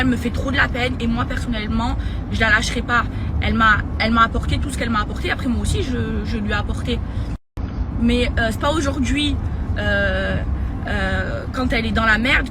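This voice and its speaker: A woman speaking earnestly and heartfelt in a social media video, stumbling over her words. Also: a little high. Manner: earnest, heartfelt, full of restarts. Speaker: influencer posting a story. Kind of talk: emotional social media monologue. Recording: loud traffic noise from a vehicle.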